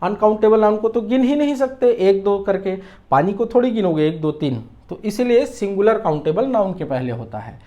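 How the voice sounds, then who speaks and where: A woman's voice: mid-range voice, lively intonation, normal speed, mellow, muffled recording. A woman teacher explaining English articles in a classroom grammar lesson, patiently posing questions and answering them herself.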